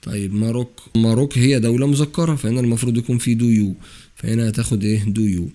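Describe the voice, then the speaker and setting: Brisk Egyptian man teaching French grammar. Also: mid-range voice, steady tone, mellow. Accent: Egyptian Arabic. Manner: brisk, repeats rules and quizzes the student with quick questions. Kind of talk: exam-prep grammar lesson.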